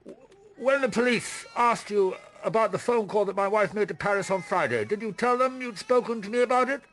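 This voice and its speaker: An actor playing a middle-aged French police inspector in a radio drama, courteous and musing, hesitant, trailing off in broken phrases. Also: male voice, high voice, lively intonation, fairly quick, a bit bright, rough recording. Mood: urgent, polite.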